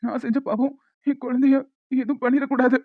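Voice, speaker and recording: A woman's voice: high-pitched, steady tone, fairly quick, dry recording. Woman voicing a worried cartoon husband, urgent alarmed speech, tinny and dry. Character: panicked young husband, expecting a baby. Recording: tinny phone-like dry recording.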